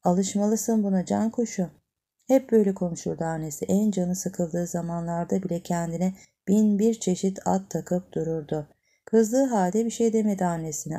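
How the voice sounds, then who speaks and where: A woman narrating a children's story at a calm, measured pace. Her voice is very dark and mellow, pitched somewhat low. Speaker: audiobook narrator.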